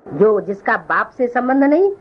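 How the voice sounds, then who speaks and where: A woman teaching a religious scripture lesson, often pausing to question and tease her listeners. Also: a little high, very animated, muffled recording. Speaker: spiritual class teacher.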